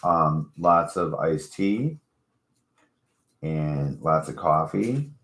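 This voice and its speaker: A man's voice: rumbling low, lively intonation, very slow, fairly bright tone. A man telling stories in a casual, profane stoner chat, acting out quotes as he goes. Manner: laid-back, profane, storytelling with acted-out quotes. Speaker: co-host. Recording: echoey room.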